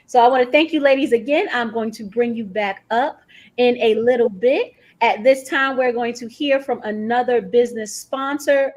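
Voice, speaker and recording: Female host, online conference, upbeat and a little higher-pitched, formal introductions. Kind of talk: virtual conference moderating. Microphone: video call.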